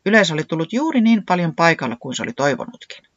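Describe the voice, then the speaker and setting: Children's story narration, animated melody, dry close sound. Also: mid-range voice, no echo, muffled recording. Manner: expressive, lively storytelling.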